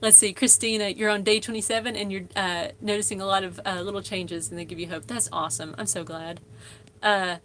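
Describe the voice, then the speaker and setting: A woman's voice: medium pitch, steady tone, a little fast, a bit bright, slight background noise. A woman in her thirties from the United States, chatting casually as host of a live-stream Q&A, rambling with many fillers and restarts.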